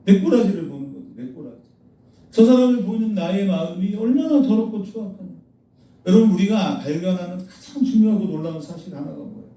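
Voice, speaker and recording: Man, pastor, sermon, blunt and scolding, lively high voice, distant mic in reverberant church. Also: a little fast. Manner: blunt, scolding, rhetorical questions to the congregation. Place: church sanctuary.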